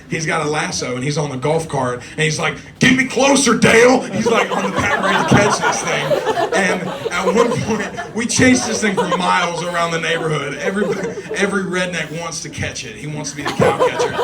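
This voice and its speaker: Self-mocking comic, loud crowd. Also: male voice, a little high. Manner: self-deprecating, animated, acts out voices. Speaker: stand-up comedian. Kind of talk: stand-up set. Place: small club stage. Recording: distant mic, loud crowd laughter.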